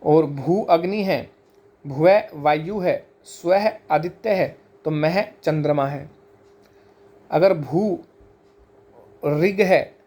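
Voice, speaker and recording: Man, fairly high voice, calm teacher explaining old scripture, lists terms slowly. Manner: measured and explanatory, slowing to spell out sacred terms one by one.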